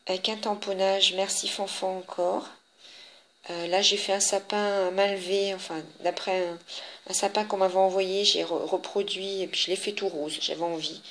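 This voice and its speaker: A woman with a French accent casually shows her handmade cards, talking in a chatty, halting way with many fillers and restarts. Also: medium pitch, level tone, a bit bright, slight background noise. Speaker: papercraft vlogger.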